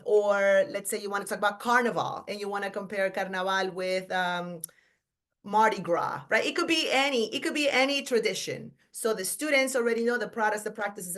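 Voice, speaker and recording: In a conference room, a middle-aged woman teacher gives a chatty, informal workshop talk, checking in with "right?" and correcting herself mid-sentence. Her medium-pitched voice is brisk and a bit bright.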